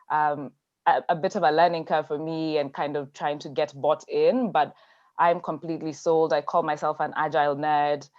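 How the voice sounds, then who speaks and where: Female consultant, low pitch, friendly intro, dull lo-fi call sound. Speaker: management consultant. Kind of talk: panel introduction.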